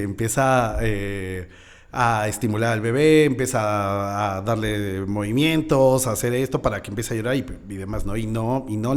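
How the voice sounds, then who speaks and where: A man in his forties with a Mexican accent, a paramedic guest telling a story in a relaxed interview. He is reflective, often adds a questioning tag, and acts out the voices of people he quotes. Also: mid-range voice.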